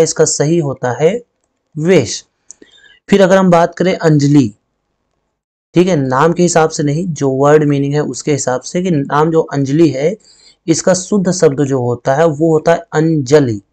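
Man, teacher, slightly high voice, step-by-step explanation, repeats words. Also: dark tone. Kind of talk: spoken Hindi spelling lesson.

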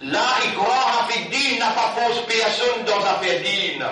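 Animated preacher in an echoey hall. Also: male voice, high-pitched, a little slow, distant mic. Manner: animated preaching, swinging between loud and quiet. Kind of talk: Ramadan sermon.

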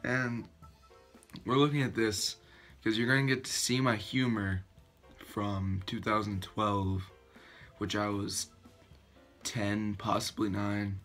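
A teenage boy vlogs a casual reaction video for YouTube in his bedroom, chatty and self-mocking, laughing at his own expense. He speaks slowly on the low side, with fairly even intonation, long pauses and a slightly bright tone. Faint music sits behind him, recorded on a built-in webcam mic at arm's length.

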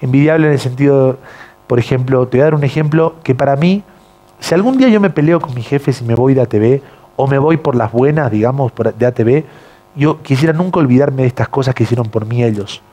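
A man with an accent mixing Argentine and Bolivian Spanish, a TV news presenter telling stories as a guest in a casual interview, animated and acting out the voices of the people in his stories. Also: medium pitch, a little fast. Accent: mixed Argentine and Bolivian Spanish. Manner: animated, acts out quoted voices.

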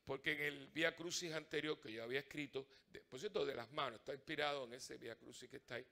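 A middle-aged male priest giving a conversational Sunday homily in church. He is animated and humorous, acting out little dialogues and asking the congregation questions. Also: medium pitch, fast, gravelly.

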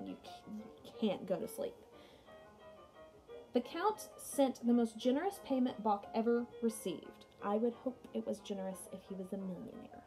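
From a small room at home, a young adult woman leads a children's read-aloud music lesson, talking straight to her pupils as she explains. Her voice is a little high and mellow.

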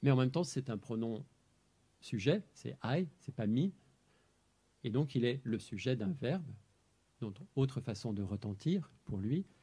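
A man with a mellow, slightly husky voice talks through a poem line by line. He is measured and explanatory, lingering on single words as he presents his translation work. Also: medium pitch, animated. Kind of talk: talk on translating poetry. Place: amphitheater.

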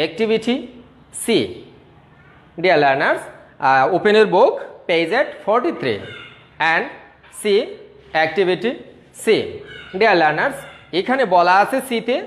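A school English teacher with a Bangladeshi accent gives a slow lesson to young children. The teacher drills letter sounds, repeating each one and answering their own questions. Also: medium pitch. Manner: patient, repetitive, asks and answers own questions. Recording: roomy echo.

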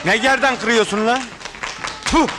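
An actor playing a cocky, street-smart neighborhood man who barks rough orders and mocking jokes. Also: very high-pitched, measured pace, crowd noise. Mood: bossy. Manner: bossy, rough, mocking commands. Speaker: neighborhood tough turned headman candidate. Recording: old film soundtrack with music.

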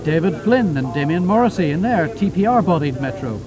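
A man's voice: a little high, big pitch swings, fairly quick. A man narrating a motorsport programme in a scripted sports-report style. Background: loud music and car sounds.

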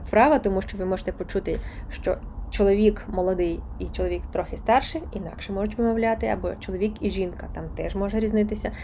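A woman's voice: mid-range voice, gravelly, darkish tone, slight background noise. A woman teaching a beginners' Spanish lesson online, chatty and encouraging, laughing now and then.

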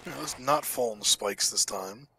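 A man's voice: medium pitch, normal speed, pushed and bright, slight background noise. A man chatting casually and swearing while playing a co-op zombie game with friends. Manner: swears a lot, jokey. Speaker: game streamer.

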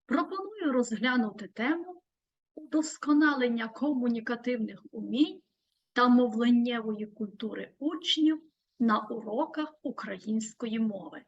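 A woman with a high voice delivers a scripted teaching presentation. She speaks in a measured, deliberate way and draws listed terms out slowly. The recording sounds dull and lo-fi.

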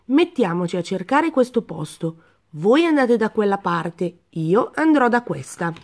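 Elmer is a kind, eager young elephant from a children's storybook, generous and ready to help , as a woman reading aloud gives him a voice. He speaks in a lively, brightened tone, a touch higher than the narration, and always sounds as if he is about to spring into action. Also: a little slow.

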